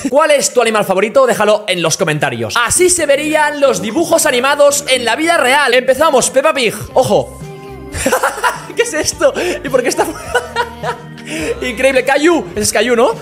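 A young man gives excited reaction commentary in a high, bouncing voice. He exclaims often and keeps turning to the viewer. Faint music plays under him. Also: moderate pace. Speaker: short-video creator reacting to images. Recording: music playing faintly behind.

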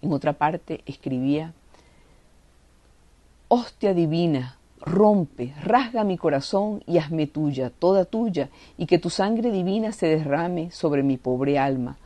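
A woman's voice: low-pitched, animated, slow, warm tone, no room sound. A woman giving a devotional reading and reflection, fervent and reverent, leaning on prayerful words.

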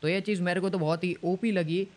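A man's voice: high voice, steady tone, brisk, darkish tone. A man hosting a casual gaming update vlog, chatty and colloquial, often rephrasing himself and calling his viewers brother and guys. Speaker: gaming channel host.

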